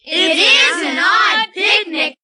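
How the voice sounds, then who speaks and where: A woman voicing an earnest child in a storybook, phrased simply and slowly, as if reading to a toddler. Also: extremely high pitch, expressive, pushed and bright, heavily acted. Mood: cheerful. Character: cartoon children at a picnic, squeaky and earnest. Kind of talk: storybook character voices in a reading lesson.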